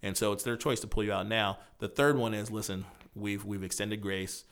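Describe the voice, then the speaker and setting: A man's voice: on the low side, fairly even intonation, normal speed, fairly bright tone, clean tone. A man co-hosting a casual podcast, earnestly explaining rules and quoting what he tells kids. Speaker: podcast co-host.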